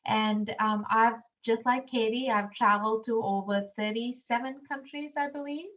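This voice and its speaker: Speaking at a normal speed, this woman has a fairly high, steady voice with a fairly bright quality, though the audio sounds dull. She's an international programs director from Sri Lanka, giving a friendly webinar peppered with "um"s.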